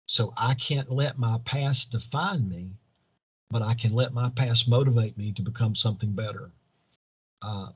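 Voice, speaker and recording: Guy running for office, husky voice, preachy earnest interview answers, kinda muffled audio. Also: mid-range voice. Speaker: political candidate being interviewed. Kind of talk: campaign interview answers in speech-like statements.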